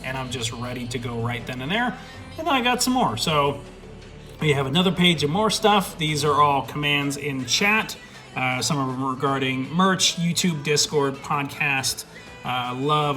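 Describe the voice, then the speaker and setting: A young man streams excitedly through a tour of his home desk gear, rambling and swearing casually as he goes. His voice is slightly high and bright, close on a studio mic, with faint music under him. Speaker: streamer showing his setup. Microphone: studio USB/XLR dynamic mic.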